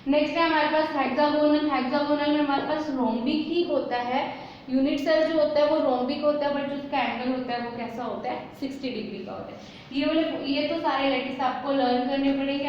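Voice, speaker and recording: A woman with a high voice teaches a chemistry class, asking questions and answering them herself. The sound is dull and lo-fi, with faint noise behind it. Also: very echoey. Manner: asks questions and answers them herself, mixing English terms into Hindi. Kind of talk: classroom lesson explaining at a board.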